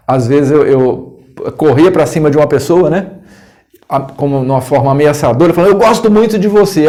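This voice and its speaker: A man's voice: mid-range voice, warm tone. A man with a Brazilian Portuguese accent teaching a casual video lesson on communication. He talks conversationally, keeps adding little check-in questions, and breaks into short acted tones of voice. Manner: conversational, tag questions, acts out tones of voice with laughs. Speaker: coach and educator. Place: indoors, room with scouting decor corner.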